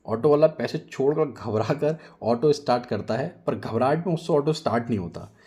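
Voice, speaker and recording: A man narrating a comic story in an even, matter-of-fact way. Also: mid-range voice, moderate pace.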